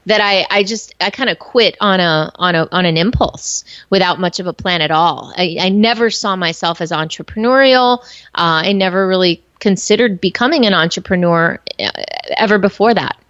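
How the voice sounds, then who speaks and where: A woman's voice: lowish voice, fairly bright tone, no echo. A woman in her forties, born in Colombia and raised in the United States, speaking candidly as an interview guest with frequent fillers. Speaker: guest entrepreneur. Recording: slightly muffled, dry recording.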